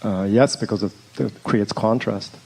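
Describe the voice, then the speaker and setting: A man's voice: on the low side, steady tone, a little slow, gravelly, darkish tone, husky. A man from the audience answering a speaker, earnest and effusive. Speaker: audience member. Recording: reverberant hall, faint ambience.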